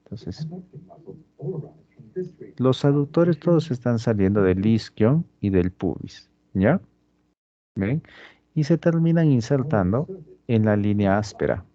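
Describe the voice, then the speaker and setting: A man teaching anatomy over a dissection in a slow, deliberate way, constantly checking that the students follow. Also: medium pitch, expressive, mellow, lo-fi sound. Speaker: anatomy instructor. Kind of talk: lecturing during a dissection demonstration.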